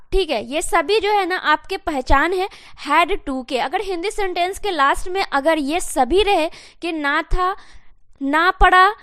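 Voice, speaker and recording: A woman teaching an English grammar lesson step by step, often calling her viewers guys and slowly dictating example sentences. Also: very high voice, a bit bright, no room sound, clean studio sound.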